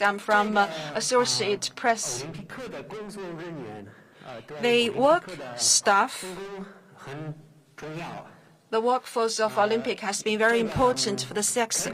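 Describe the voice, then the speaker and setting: A woman interprets live at a press conference in halting phrases. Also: fairly high pitch, fairly even intonation, crowd noise. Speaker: simultaneous interpreter.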